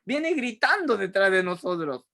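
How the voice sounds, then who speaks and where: A woman's voice: mid-range voice, very animated, normal speed, fairly bright tone. A middle-aged woman with a Chilean accent teaches a Bible lesson, asking her group questions and acting out the lines of the story. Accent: Chilean Spanish.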